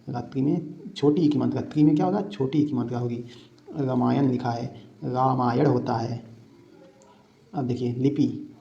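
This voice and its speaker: A man teaches spelling for exam prep, saying each word over and throwing quick questions back at his students. His voice is very dark and mellow and sits at a middling pitch for a man. The recording sounds dull and lo-fi. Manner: repeats words and asks the class rhetorical questions.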